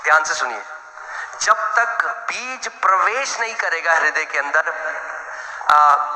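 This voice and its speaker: Blunt pastor preaching in an echoey hall. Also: male voice, a little high, lively intonation, slow, pushed and bright. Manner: blunt, direct, calls out to the congregation. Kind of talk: sermon. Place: church hall. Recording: echoey hall, long reverb.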